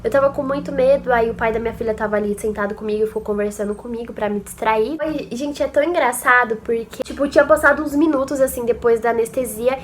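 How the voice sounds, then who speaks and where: High-voiced Brazilian young woman vlogging. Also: fast, hardly any pauses, a little hiss or hum. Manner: chatty and emotional, often addressing viewers as "gente". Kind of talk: casual personal storytelling to camera.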